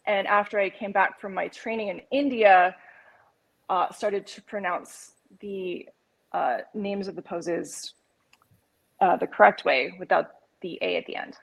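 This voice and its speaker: A woman yoga instructor explaining poses in an unhurried podcast chat, with many pauses and fillers. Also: mid-range voice, gravelly, low-quality recording. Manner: unhurried, many ums and uhs, explains pose names carefully. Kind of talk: podcast conversation.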